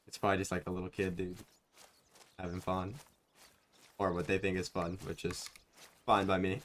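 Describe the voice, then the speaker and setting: A man's voice: low-pitched, little pitch movement, moderate pace, a bit bright, a little hiss or hum. A young man streaming a hunting game, chatting loosely with viewers, rambling and self-mocking, often saying like and dude. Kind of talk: casual live-stream chat while gaming.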